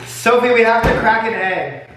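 A young man hosting a chaotic baking challenge with friends at home, laughing and yelling a lot and struggling to hear. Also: very high-pitched, normal speed. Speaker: YouTuber host. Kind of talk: chaotic casual chat. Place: home kitchen. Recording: echoey room, camera from a distance, noisy.

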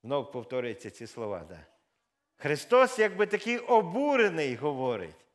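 Preacher, male, fairly high voice, relaxed sermon delivery with "uh" fillers, lifts his voice for scripture readings. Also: moderate pace. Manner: conversational preaching with fillers and self-corrections; reads scripture aloud with raised emphasis. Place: church.

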